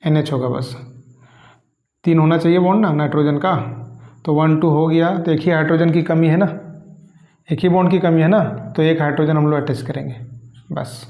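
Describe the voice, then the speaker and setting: A man teaching chemistry, asking questions and answering them slowly himself. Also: on the high side, steady tone, dull audio. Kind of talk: classroom lecture. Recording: echoey room.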